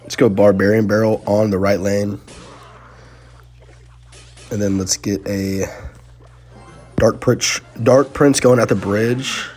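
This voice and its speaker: Excitable young man commentating gameplay. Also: on the low side, slow, pauses often. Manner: excitable, casual, slangy, talks to viewers. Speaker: gaming channel host. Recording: faint music underneath.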